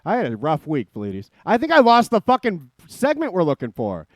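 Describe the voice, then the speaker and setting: A male stream host rambles on to his chat in a high, lively voice that swoops up and down. He swears freely and jumps from topic to topic. The sound is dry and close. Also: a little fast, dry recording. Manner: profane, rambling, addresses chat as ladies. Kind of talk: casual live-stream commentary.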